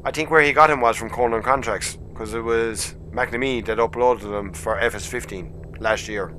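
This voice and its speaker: A man with a west of Ireland accent, Kerry to be exact, talks at a medium pitch. He is loose and informal, like a streamer chatting to viewers. A clear engine hum runs through the noisy recording. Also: steady tone, moderate pace. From County Kerry, Ireland. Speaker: game streamer. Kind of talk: casual livestream chat. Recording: noisy mic with loud vehicle hum.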